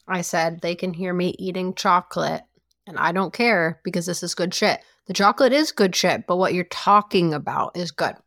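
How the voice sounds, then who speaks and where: Jokey low-voiced woman, dry mic. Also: normal speed, a bit bright, dry recording. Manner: loose, jokey, swearing casually. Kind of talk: casual chat.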